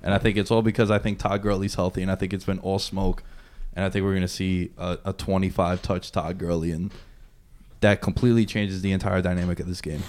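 A man's voice: low-pitched, little pitch movement, fairly quick, a little mellow. A man giving casual sports analysis as a podcast panelist.

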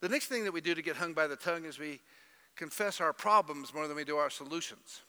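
Emphatic preacher in a church hall. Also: male voice, a little high, fast, sharp tone, clean tone. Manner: emphatic preaching with mimicked voices. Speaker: pastor. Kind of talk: sermon.

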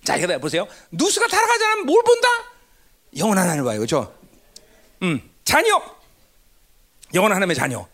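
A woman giving a sermon-style Bible lecture. She keeps asking her listeners rhetorical questions and answers them herself, with emphatic bursts and sudden low, hushed asides. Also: huge pitch swings, a little fast, long pauses. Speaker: Bible teacher.

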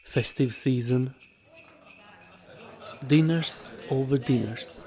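A man hosting a podcast who narrates from a script in short, measured sentences. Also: mid-range voice, warm tone. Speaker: podcast host.

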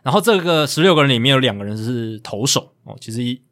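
Brisk Taiwanese man hosting, walks through numbers in casual chat. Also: mid-range voice, animated, a bit bright. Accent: Taiwanese Mandarin. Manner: reads out stats, explains, with asides. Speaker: podcast host.

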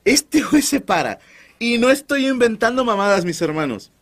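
A Mexican man hosting a comedy podcast, telling stories loudly with crude slang and jokes. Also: extremely high pitch, moderate pace. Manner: crude, animated, joking slang. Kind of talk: loud comic storytelling.

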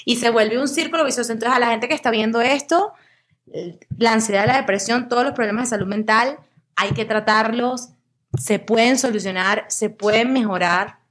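A woman's voice: a little high, moderate pace. A young woman from Venezuela, a guest and actress, chatting casually in an interview and telling stories with quoted voices. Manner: lively storytelling, acts out quoted voices.

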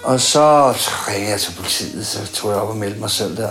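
A man's voice: lowish voice, fairly bright tone, faint music behind. A man telling a rambling, slangy anecdote in a casual way. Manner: rambling, chatty, with crude slang. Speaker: storyteller.

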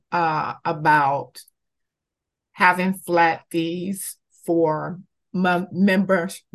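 A woman from Georgia answering interview questions conversationally, in a measured, deliberate way. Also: on the low side. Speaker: interviewee, community campaigner.

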